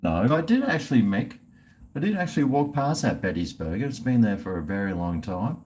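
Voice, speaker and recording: A man's voice: fairly low pitch, big pitch swings, fairly quick, a little mellow, faint music behind. A man with an Australian accent chatting casually on a livestream, rambling and swearing in a blokey way. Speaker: live streamer chatting with viewers.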